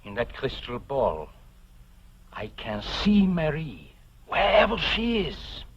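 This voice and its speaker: A man's voice: mid-range voice, wildly swooping pitch, slow pace. An actor playing a brooding, lovesick young man, earnest and melodramatic in 1950s television drama style. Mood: anguished. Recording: muffled, hissy 1950s television soundtrack.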